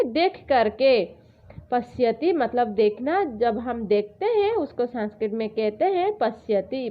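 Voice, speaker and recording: A woman teacher explaining words to schoolchildren in an online lesson, repeating each meaning slowly and mixing in English words. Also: on the high side, muffled recording. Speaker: Sanskrit teacher.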